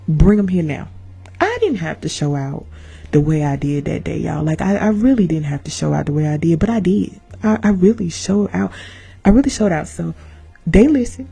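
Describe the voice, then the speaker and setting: A woman in her thirties hosting a podcast, telling a birth story as a lively monologue, acting out the people in it and calling her listeners "y'all". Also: fairly low pitch, normal speed, vocal fry, slightly rough, faint music behind. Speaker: podcast host.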